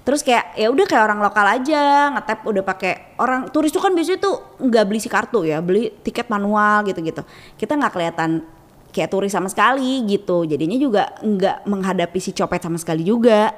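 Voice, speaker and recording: A woman co-hosting a casual podcast chat, telling travel stories in a chatty, animated way. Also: mid-range voice, fairly quick, big-room sound. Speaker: podcast co-host.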